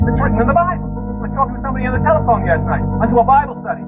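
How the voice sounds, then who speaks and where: A man giving a spoken lecture clip, telling stories in an animated, sarcastic way. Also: very high voice, racing. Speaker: speaker on religion. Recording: muffled clip under loud music.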